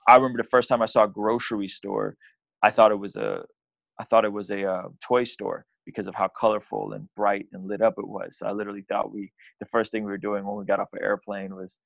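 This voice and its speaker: A young Azerbaijani man, a podcast guest, speaks fast in a low-ish, creaky voice with flat delivery and no room sound. His casual interview talk rambles, with frequent restarts and lots of "you know" and "like."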